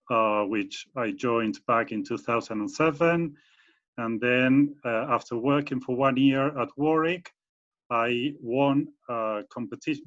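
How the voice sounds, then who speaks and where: Over muffled video call audio, a man from Argentina speaks with a medium-pitched, fairly bright voice. He is a university professor appearing as a guest, describing his academic work in an Argentine Spanish accent with plenty of fillers and restarts.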